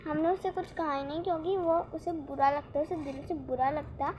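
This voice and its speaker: A young woman vlogger telling a rambling, excitable story about her day in casual chat. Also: high voice, fairly quick, a little hiss or hum. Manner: rambling, restarts often, excitable retelling.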